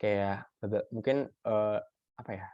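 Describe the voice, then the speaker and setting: A man's voice: fairly low pitch, steady tone, slow pace, no echo. A man giving a workshop lesson in a casual, chatty way, with many fillers and restarts as he addresses his listeners as friends. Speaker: workshop tutor. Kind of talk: casual teaching talk. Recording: dull lo-fi dry audio.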